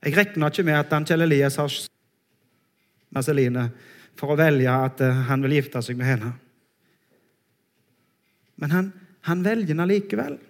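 A male preacher delivers a sermon in a church, his voice sitting fairly high. He talks earnestly and with emphasis, slowing on the phrases he wants to land.

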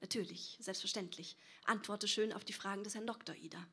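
A woman's voice: medium pitch, fairly even intonation, brisk, a bit bright, husky. A woman voicing a stern, proper middle-aged father who speaks formally and hisses impatient rebukes. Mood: stiff, formal.

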